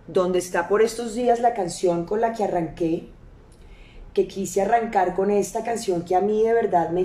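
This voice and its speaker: A woman's voice: medium pitch, a little mellow. Host woman in an echoey room. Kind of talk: live-stream interview.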